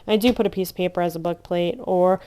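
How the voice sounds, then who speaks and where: A woman with a slightly low voice talks through a hands-on craft tutorial at home. She is chatty and meandering, often trailing off and restarting as she works. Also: fast, mellow, clear, resonant tone. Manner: chatty, rambling, many fillers and restarts. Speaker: crafter teaching junk journal making. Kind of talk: casual craft tutorial narration.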